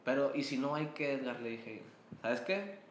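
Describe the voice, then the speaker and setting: A man's voice: medium pitch, expressive, moderate pace, echoey room, a little hiss or hum. A man with a Mexican Spanish accent, a guest telling a story in a casual chat over beers, slangy and laughing often. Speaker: guest entrepreneur.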